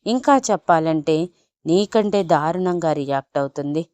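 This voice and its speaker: Woman doing young husband, gentle and teasing, low voice, dry close sound. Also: animated, moderate pace, no echo. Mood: soothing. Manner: gentle, coaxing, playful.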